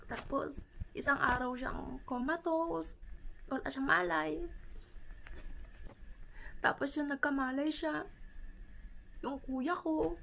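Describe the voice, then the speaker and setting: A woman from the Philippines, a vlogger, retelling a painful personal story in a halting, emotional way with many pauses and fillers. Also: sits high, gravelly, fairly bright tone, slight background noise, rough recording.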